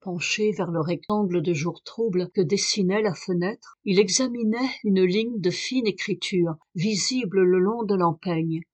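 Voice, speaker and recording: A woman reading a literary novel aloud in a measured, expressive way. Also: medium pitch. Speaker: audiobook reader. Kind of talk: scripted literary narration.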